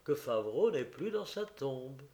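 A man's voice: medium pitch, sing-song, a little slow, darkish tone, echoey room. A man voicing a harsh, menacing female adventuress in an audiobook reading. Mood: insistent. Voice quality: harsh, threatening.

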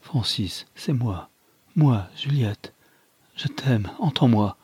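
A man's voice: medium pitch, animated, slow pace, a little mellow, slightly rough, heavily acted. A man doing a wounded, pleading young wife. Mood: tender pleading. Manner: faint, pleading lines. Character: desperate wounded young wife, dazed and tender.

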